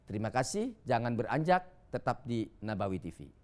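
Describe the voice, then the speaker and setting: A man teaching Quran reading on a television program, explaining patiently and chanting Arabic verses slowly. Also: medium pitch, big pitch swings. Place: TV studio.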